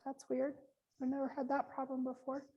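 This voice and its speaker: A woman's voice: high-pitched, completely flat delivery, a little fast, slightly rough, lo-fi sound. A woman presenting a live business workshop online, chatty and loose with lots of ums, losing her voice. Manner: casual, many ums, friendly instructions.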